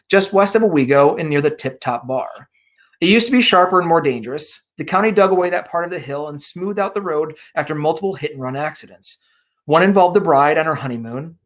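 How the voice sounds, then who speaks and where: A man from upstate New York, an author reading his own horror story aloud over a video call and then chatting in a Q&A. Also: fairly high pitch. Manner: measured reading; chatty with fillers in talk.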